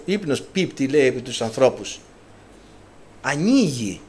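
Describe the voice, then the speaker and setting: A man from Greece delivers a sermon to his congregation, his slightly raised voice swinging widely in pitch. He tells a Bible story with lively energy and acts out the lines of its characters. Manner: animated storytelling, acting out biblical dialogue. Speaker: preacher.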